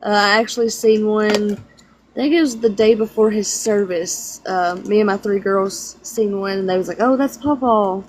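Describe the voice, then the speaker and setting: A woman's voice: medium pitch, fairly even intonation, normal speed, darkish tone, a little hiss or hum, low-quality recording. A woman, the caller in a live-stream reading, answering plainly and informally. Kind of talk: casual chat.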